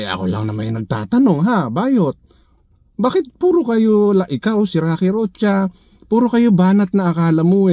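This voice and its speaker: A man's voice: on the high side, dark tone, no room sound, clean studio sound. A man giving sarcastic, needling reaction commentary in his vlog, full of rhetorical questions. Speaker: vlogger.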